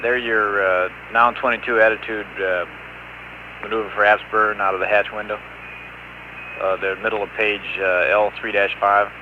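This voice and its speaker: An American man working as a mission control communicator, calmly reading out figures in a matter-of-fact, procedural way over a radio link. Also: on the low side, moderate pace. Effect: radio transmission. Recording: dull lo-fi 1970s space radio, faint noise, hum. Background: faint hiss and hum.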